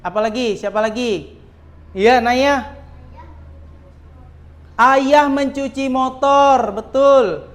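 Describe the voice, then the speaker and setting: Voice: high-pitched, slow, pauses often. A teacher giving a classroom lesson to children, often stopping to quiz the pupils and adding a questioning "ya". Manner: quizzes pupils often, with frequent tag "ya".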